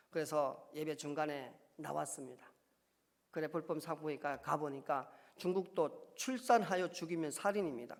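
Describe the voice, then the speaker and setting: A man from North Korea, a pastor, giving an earnest testimony sermon that swells into impassioned cries. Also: fairly high pitch. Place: church sanctuary. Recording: long reverb of a church hall.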